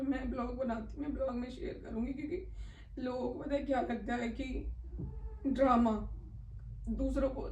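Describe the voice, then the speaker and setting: A woman's voice: sits high, warm tone, distant mic, slight background noise. A woman talking in a casual personal vlog at home, earnest, emotional and confiding. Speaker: vlogger. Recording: echoey room, voice from off-mic.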